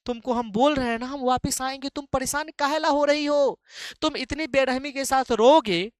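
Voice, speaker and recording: A man's voice: extremely high pitch, moderate pace, dry recording, studio quality, pitched above the performer's own voice. A man acting out a male poet who keeps pleading with and coaxing his crying beloved. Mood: coaxing loudly. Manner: pleading, coaxing, repeating endearments.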